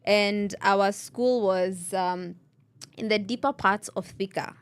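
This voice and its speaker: A woman's voice: medium pitch, takes it slowly, smooth. A woman from Nairobi with a Kenyan accent, hosting a radio show and chatting casually, telling stories and acting out the people she quotes. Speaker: radio host.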